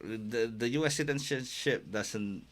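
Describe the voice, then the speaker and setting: A man's voice: mid-range voice, a little slow, a bit bright. A man, chatting casually as a podcast guest, laughing often and filling his talk with "you know.". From Indonesia. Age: 30s. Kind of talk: casual conversation mixing English and Indonesian.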